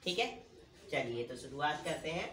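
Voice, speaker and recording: A man's voice: a little high, animated, moderate pace. A man teaching an English grammar lesson, asking questions and answering them himself while repeating key words. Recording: echoey room, distant mic, faint room noise.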